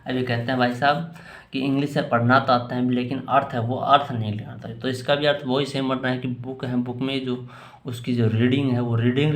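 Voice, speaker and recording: A man's voice: mid-range voice, a bit bright. A man with a Hindi accent, an English teacher answering student questions in a casual spoken lesson, rambling and often restarting his sentences. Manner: rambling, repeats and restarts phrases. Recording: echoey room.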